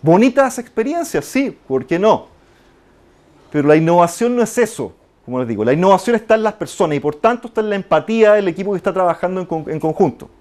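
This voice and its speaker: A middle-aged man from Chile with a Chilean Spanish accent, giving an animated conference talk, peppering it with tag questions and acted-out quotes. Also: high voice, fast talker. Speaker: conference speaker.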